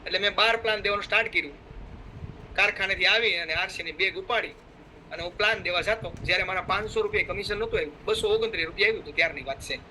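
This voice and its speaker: A middle-aged man delivers a motivational talk with fervent, exhorting energy. His voice sits high and sounds very bright. Faint vehicle noise hums in the background. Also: rapid-fire, rough recording. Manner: fervent, exhorting, acts out quoted friends. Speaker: motivational speaker.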